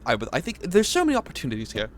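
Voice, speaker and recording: A man's voice: mid-range voice, wildly swooping pitch, very fast, a little hiss or hum. A man playing a druid in a tabletop game, talking playfully and theatrically with stumbling restarts. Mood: scheming. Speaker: player. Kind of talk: in-character tabletop role-play.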